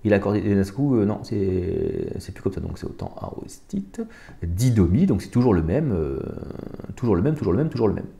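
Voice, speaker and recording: A man's voice: fairly low pitch, animated, brisk, gravelly, warm tone. A man hosting his own channel, talking casually and thinking aloud as he looks up and compares scripture passages. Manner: colloquial, thinks aloud while looking up verses. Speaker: channel host. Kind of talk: casual spiritual commentary monologue.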